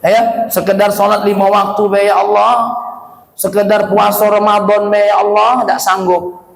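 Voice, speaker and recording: High-voiced, animated preacher. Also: male voice, moderate pace, vocal fry. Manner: animated, shouting at times, laughing, asking the audience questions. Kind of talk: storytelling sermon. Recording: echoey hall, faint ambience.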